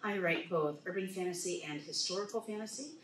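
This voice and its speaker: Tired, very low-voiced woman in a room. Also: fairly quick, fairly bright tone. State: tired after a late night, throat a little rough. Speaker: author on a convention panel. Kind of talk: casual panel introduction. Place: indoor convention panel room. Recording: roomy, distant mic, faint noise.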